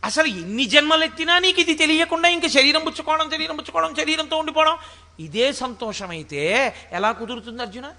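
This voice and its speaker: High-pitched man giving a spiritual discourse. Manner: chants Sanskrit verses slowly, then explains in lively conversational asides. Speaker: spiritual speaker. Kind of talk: Telugu discourse on scripture. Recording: echoey hall with long reverb.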